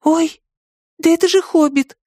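A woman doing a very high, excited girl. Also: a little slow, no room sound, clean studio sound. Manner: excited, pleading. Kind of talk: audiobook character voice.

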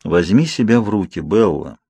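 A cold young male vampire speaks in curt, commanding lines, as a male audiobook reader plays him. The voice is husky and the recording is close and dry. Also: medium pitch, lively intonation, a little fast, darkish tone, no room sound. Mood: cold calming.

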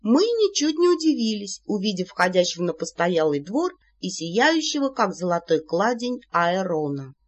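A woman narrating an audiobook in a playful, animated manner. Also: mid-range voice, moderate pace, few pauses. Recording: slightly muffled recording.

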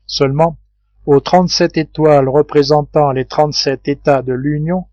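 A man reading a classic adventure novel aloud in a measured, steady narration. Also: a little high, no room sound, highs cut off. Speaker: audiobook reader. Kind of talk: scripted narration.

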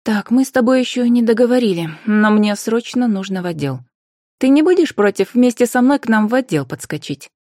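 A woman voicing a brisk young witch investigator who gives commands and quick retorts in an audiobook. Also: fairly high pitch, animated, mellow, no room sound, clean studio sound, voice pushed up. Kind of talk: audiobook character voice.

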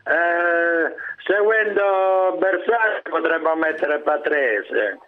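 A man's voice: a little high, animated, takes it slowly. A man from Calabria with a strong Calabrian accent, talking in emphatic, colloquial regional Italian as a caller to a radio phone-in. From Calabria, southern Italy. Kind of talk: casual opinionated chat. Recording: tinny phone line.

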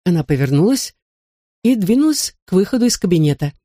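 Audiobook narrator, steady storytelling, mid pitch, dry close mic. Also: fairly quick, dry recording.

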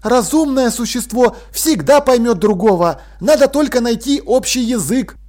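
A man's voice: very high-pitched, animated, moderate pace, darkish tone, voice pushed up. A man voicing a cheerful, curious young male apprentice who chatters with open enthusiasm, in an audiobook.

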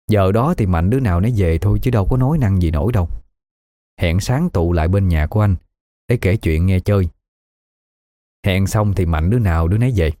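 A man's voice: fairly low pitch, warm tone. A man telling a ghost story in the first person, in a folksy, colloquial way.

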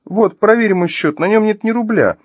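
A man voicing a frightened young woman, shrill, tearful, pleading, high-pitched, audiobook. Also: normal speed, no echo, muffled recording. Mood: whimpering. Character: terrified sobbing young woman, ex-wife.

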